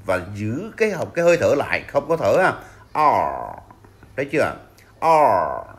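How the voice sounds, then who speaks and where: A man with a Vietnamese accent teaching English pronunciation, slowly drilling words and repeating them for learners to copy. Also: mid-range voice, wildly swooping pitch.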